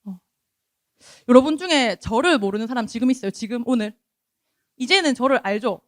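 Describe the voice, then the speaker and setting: A woman's voice: on the high side, animated, fairly quick, no echo, studio quality. A young woman with a Gyeongsang accent preaching a sermon at a youth service, talking conversationally and asking the congregation questions.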